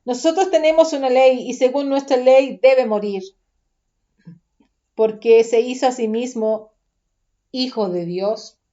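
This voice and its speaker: Woman reading an insistent shouting crowd of men, higher-pitched, slightly lo-fi recording. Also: unhurried, pauses often, lightly acted. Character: angry shouting crowd of men demanding execution.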